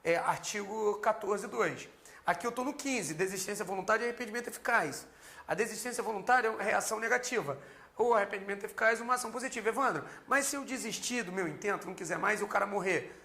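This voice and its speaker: Guy teaching law, quick and slangy, high gravelly voice. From Rio de Janeiro, Brazil. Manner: slangy, animated storyteller. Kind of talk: energetic lecture with personal anecdote.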